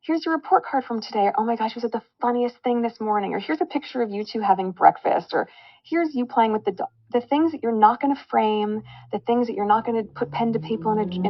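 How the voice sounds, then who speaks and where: A woman's voice: mid-range voice, creaky, dry recording, lo-fi sound. A woman talking as a podcast guest in a heartfelt, reflective way. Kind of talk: casual podcast chat.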